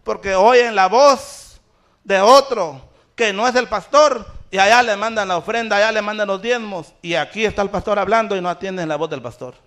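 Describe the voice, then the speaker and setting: A man's voice: high-pitched, normal speed, a bit bright. A male pastor preaching a sermon in a church, building up with rhetorical questions and repeated phrases to his congregation.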